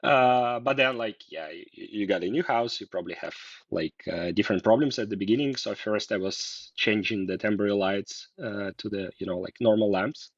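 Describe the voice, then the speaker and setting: A man's voice: on the low side, moderate pace, hardly any pauses, no room sound. A man from Russia, a guest in a casual interview, talking hesitantly with many fillers and restarts. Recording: dull lo-fi sound.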